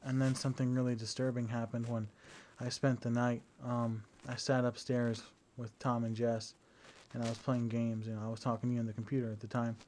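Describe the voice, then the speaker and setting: Lying down indoors, a young man records a casual diary on a battery-powered camera, talking briskly with hardly any pauses in a mid-range voice. Though relaxed, he hesitates a lot with fillers and restarts, over a faint hiss or hum.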